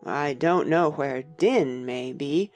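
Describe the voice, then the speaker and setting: The slow, touchy Mock Turtle. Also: female voice, low-pitched, darkish tone, faint music behind. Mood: musing. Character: sorrowful drowsy male Mock Turtle creature. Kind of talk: dramatized audiobook acting.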